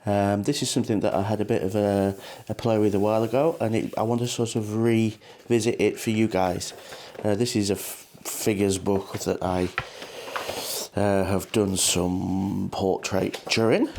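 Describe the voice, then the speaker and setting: A man giving a relaxed, chatty watercolour painting demonstration, talking loosely with plenty of ums as he paints. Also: fairly low pitch, moderate pace, a little hiss or hum. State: a bit shaky from coffee. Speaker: watercolour teacher.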